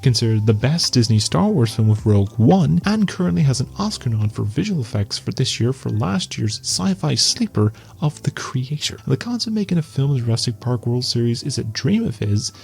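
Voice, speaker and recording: A man's voice: medium pitch, sing-song, fairly quick, gravelly, few pauses, a little mellow. A man hosting an entertainment news show in a casual, informal, rambling way. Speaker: host of an entertainment news video series. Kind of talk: casual vlog-style film news commentary. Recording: music under the voice. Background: background music.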